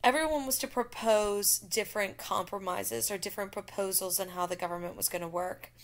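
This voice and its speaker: Woman, teacher, history lecture over slides, gravelly voice, middle pitch, talks straight to students. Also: fairly quick. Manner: explanatory, addresses students directly.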